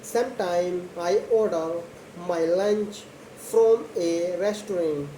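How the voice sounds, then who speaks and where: Very slow-talking woman, non-native English. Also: lowish voice, mellow. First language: not English. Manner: very slow, deliberate talking with simple short phrases and long pauses. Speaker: host of a slow English speaking practice video. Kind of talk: slow spoken monologue about a daily routine for English learners. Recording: echoey room with faint background noise.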